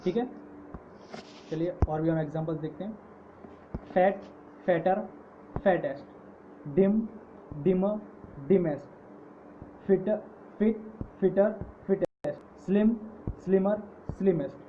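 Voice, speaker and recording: A man teaching English grammar in an online lecture, patiently listing word forms. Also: high-pitched. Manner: slow, patient, repeating word forms in lists. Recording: tinny phone-like audio with faint hiss.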